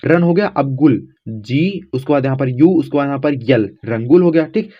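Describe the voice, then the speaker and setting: A man's voice: mid-range voice, lively intonation, moderate pace. A man teaching in a casual classroom way, spelling letters aloud step by step and checking in often with the viewers. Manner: addresses viewers as friends, informal. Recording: dull lo-fi recording.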